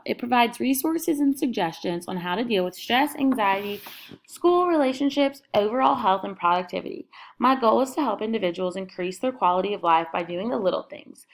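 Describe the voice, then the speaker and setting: A young woman narrating a screen recording walkthrough of her class website, casually and upbeat, listing item after item. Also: mid-range voice. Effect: screen recording voice-over.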